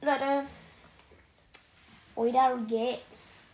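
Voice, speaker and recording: Reading a children's detective book aloud to her viewers, a woman keeps pausing for chatty remarks full of youthful slang, calling them "Leute." Her voice is high and darkish, her tone level and her pace very slow. The recording has a roomy echo.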